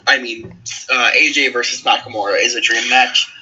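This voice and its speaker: A man co-hosting a casual wrestling chat, talking with a pleading, halting manner. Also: mid-range voice, steady tone, pushed and bright, husky, dull audio. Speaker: co-host.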